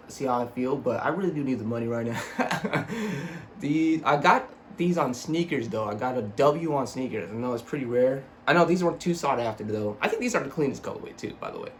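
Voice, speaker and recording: A man's voice: medium pitch, animated, fairly quick, slight background noise. A young man speaking slightly slurred through braces, giving a casual, rambling, self-deprecating and sweary sneaker review in a home room. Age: young adult. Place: small home room with computer desk.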